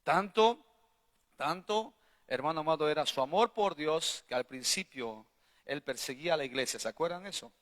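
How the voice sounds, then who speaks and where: Bright-voiced male pastor in a reverberant church. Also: fairly high pitch, animated, moderate pace. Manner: emphatic preaching, frequent rhetorical questions to the congregation; swings between loud bursts and quiet asides. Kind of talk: sermon. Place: church hall. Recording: long hall reverb.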